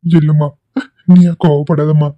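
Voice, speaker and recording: A man's voice: on the high side, little pitch movement, a little slow, lightly acted. A man voicing a worried middle-aged father and husband in a cartoon, who sounds anxious and consoling. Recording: dull lo-fi dry recording.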